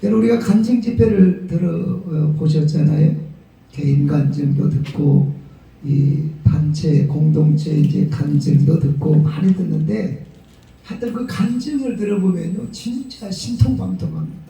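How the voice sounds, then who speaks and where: Gyeongsang-accented man, storytelling preacher, dark gravelly tone, booming hall echo. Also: moderate pace, recorded from a distance, soft background music. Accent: Gyeongsang Korean. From Gyeongsang region of Korea. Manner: lively storytelling preacher, acts out quotes. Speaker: pastor. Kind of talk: sermon. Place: prayer retreat hall. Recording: very echoey hall, voice from off the mic.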